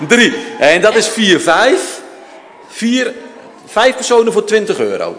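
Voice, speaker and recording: A man's voice: sits high, fairly bright tone. A man working as an informal live auctioneer, calling out counts and repeating prices to a room. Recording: reverberant hall.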